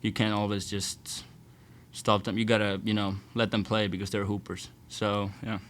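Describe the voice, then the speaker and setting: A young college basketball player answering postgame questions casually, sometimes searching for words and restarting. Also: male voice, on the low side, little pitch movement, moderate pace, fairly bright tone, slight background noise. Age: young adult. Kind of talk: postgame press conference answers.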